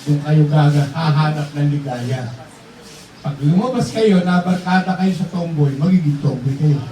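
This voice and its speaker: A man preaching a sermon, calling out to the congregation, joking, and shouting at the high points. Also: moderate pace. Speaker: bishop preaching. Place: large hall with a congregation. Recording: echoey hall from far off, crowd.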